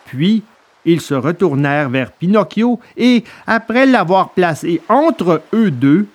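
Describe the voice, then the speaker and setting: A man narrating a children's tale aloud in a steady, expressive storytelling voice. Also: high-pitched, slow pace, no room sound. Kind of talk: audiobook reading of a children's tale.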